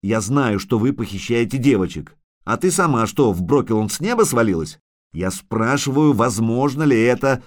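A man voicing a gruff, sardonic male monster hunter who talks brusquely and mockingly. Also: medium pitch, lively intonation, moderate pace, natural voice.

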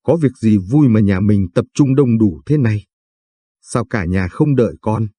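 A man voicing a loud, breezy older son-in-law. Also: lowish voice, expressive, unhurried, husky, no echo. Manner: loud-mouthed, cheerful.

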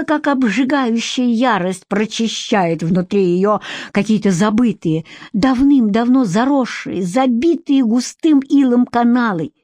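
A woman narrating a novel aloud with expressive storytelling. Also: a little high, dry recording, studio quality. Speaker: audiobook narrator. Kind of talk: scripted narration.

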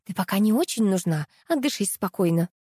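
A woman's voice: medium pitch, lively intonation, a little fast, mellow, slightly rough, no room sound, studio quality. A woman voicing a stern female show manager who scolds and keeps order. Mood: scolding. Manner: curt, scolding.

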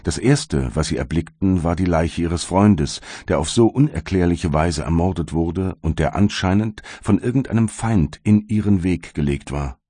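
A man's voice: deep voice, normal speed, hardly any pauses, warm tone, slightly rough, no echo, clean studio sound. A man narrating an audiobook in the first person with a solemn, anguished delivery. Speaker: audiobook reader.

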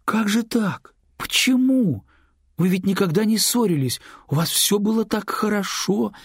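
A man's voice: animated, moderate pace, creaky, a little mellow, breathy edge, no room sound, studio quality, exaggerated voice. A man reading an audiobook, voicing a woman who is an old, caring friend, in a raised, anxious and questioning voice. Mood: alarmed. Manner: rises in pitch, exclaims and questions.

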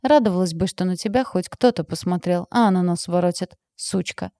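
A woman's voice: on the low side, fairly quick, mellow, no room sound, clean studio sound, natural voice. A woman reading the part of a rude, arrogant young male wolf shifter who sneers and snarls insults. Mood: sneering.

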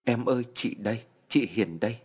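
Brief: male narrator doing a tearful young sister, pleading through sobs, husky voice. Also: mid-range voice, normal speed, natural voice. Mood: despairing. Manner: sobbing, pleading.

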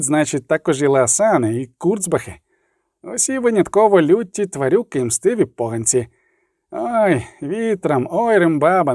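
A man's voice: high voice, darkish tone, dry recording, clean studio sound, exaggerated voice. A man voicing a long-haired, mustached male knight in an audiobook, cursing and scolding. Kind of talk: audiobook character voice.

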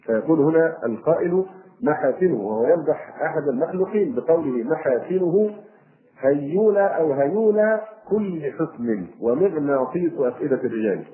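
Egyptian man teaching, tinny phone-like sound. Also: medium pitch. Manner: halting, repeats words while searching, then slow deliberate explanation. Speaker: Islamic scholar. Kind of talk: Quran commentary lesson.

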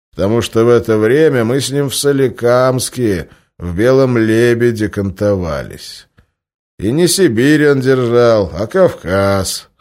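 A man voicing an old, sickly male crime boss, sly and cruel, with a creaky voice and slow, weighty speech. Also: medium pitch, a little mellow, pitched above the performer's own voice, close to an everyday voice. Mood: lecturing. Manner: slow, drawn-out authority.

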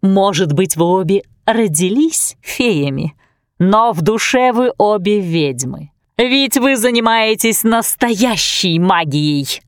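A shrewd, watchful witch from a storybook, speaking slow and knowing with a grim edge, as a woman puts her on. Her pitch climbs high on key words and falls again in a dry, close recording. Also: sing-song, dry recording. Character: shrewd, sharp-eyed witch sister Lucinda.

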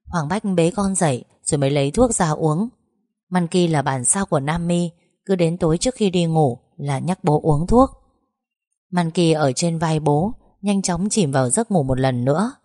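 A woman reading a story aloud, gentle and emotive. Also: deep voice, moderate pace, dry recording, clean studio sound. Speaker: narrator. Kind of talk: audiobook story narration.

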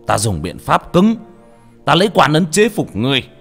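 A man's voice: lowish voice, sing-song, moderate pace, fairly bright tone, faint music behind. A man voicing a stern male exorcist master who commands spirits with authority. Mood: commanding.

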